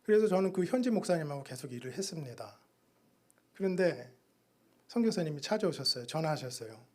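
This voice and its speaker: A man giving a missionary's sermon testimony in a church, telling his story with sudden loud and soft turns. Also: fairly high pitch, lively intonation, a little fast. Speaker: missionary preacher.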